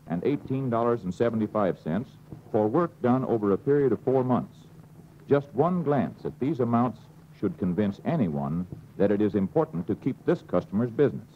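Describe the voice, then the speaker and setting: A man with an American accent and a mid-range voice narrates an instructional film. His delivery is measured and instructive. The old film soundtrack sounds dull and carries a faint hiss.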